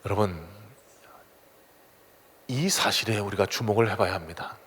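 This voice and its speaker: A male pastor preaching a dramatic sermon in a church, swinging between loud exhortation and hushed tones. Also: on the low side, moderate pace, slightly rough. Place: church sanctuary. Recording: long church hall reverb.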